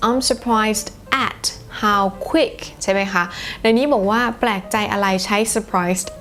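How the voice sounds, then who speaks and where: A Thai woman with a Thai accent teaching a bilingual grammar lesson, saying each example sentence slowly and repeating it. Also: medium pitch, a bit bright. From Thailand. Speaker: English teacher.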